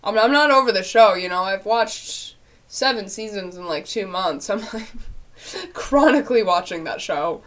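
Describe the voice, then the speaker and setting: Animated and a bit bright, a young woman's mid-range voice moves at a moderate pace as she responds to viewer questions on webcam from her small bedroom. Nasal and congested after being ill, she chats casually and rambles, laughing and using fillers often.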